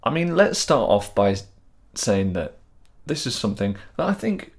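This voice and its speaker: A man's voice: fairly low pitch, sing-song, moderate pace. A man co-hosting a podcast in casual chat, joking and laughing easily at himself. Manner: chatty, laughs easily, self-deprecating. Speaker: podcast co-host.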